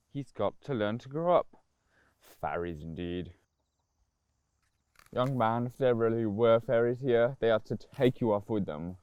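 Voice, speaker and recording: A man's voice: lowish voice, darkish tone, clear, resonant tone, dry recording, highs cut off. A man playing a stern, touchy Edwardian clergyman and father in an amateur period drama, pompous and formal. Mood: stern, scolding.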